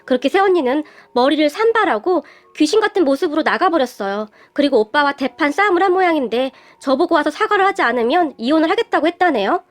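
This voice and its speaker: A woman narrating a dramatic family story in a steady, scripted tone. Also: high voice, fast talker, hardly any pauses.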